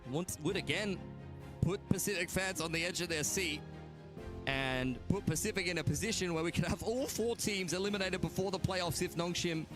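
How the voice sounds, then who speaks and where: A man's voice: sits high, moderate pace, over music. A man doing live esports commentary and analysis as a caster.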